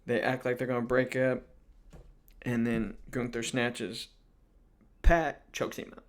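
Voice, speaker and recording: A man's voice: mid-range voice, little pitch movement, takes it slowly. A man hosting a casual wrestling recap, talking loosely with lots of fillers and restarts. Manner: rambling, many fillers and restarts.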